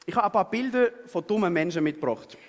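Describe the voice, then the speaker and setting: A man with a Swiss German accent preaching a sermon and telling a personal story in a lively way, often tagging his sentences with a question to the congregation. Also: high voice, fast talker, noisy background. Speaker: pastor. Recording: long hall reverb.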